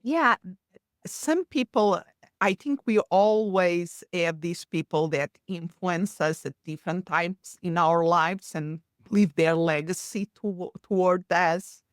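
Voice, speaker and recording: Portuguese-accented woman, lowish voice. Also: no room sound, studio quality. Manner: earnest, slightly halting non-native phrasing. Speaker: podcast guest. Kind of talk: conversational storytelling.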